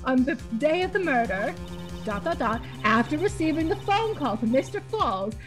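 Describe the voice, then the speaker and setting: A woman's voice: sits high, big pitch swings, moderate pace, faint music behind. A woman voicing a female defense attorney in a casual fan read-through, reading stage directions aloud with mock drama. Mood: dramatic.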